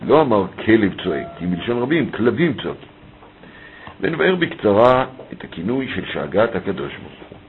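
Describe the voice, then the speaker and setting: A man with a somewhat low voice teaches a text study lesson. He reads a passage aloud, then explains it phrase by phrase. The audio is thin and phone-like, with faint room noise behind him. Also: very animated. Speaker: Torah teacher.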